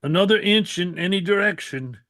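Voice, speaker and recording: A man's voice: high-pitched, fairly quick, sharp tone, no echo, studio quality. A man playing a shaken young soldier who has just escaped death, in a table read over a video call. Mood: stunned.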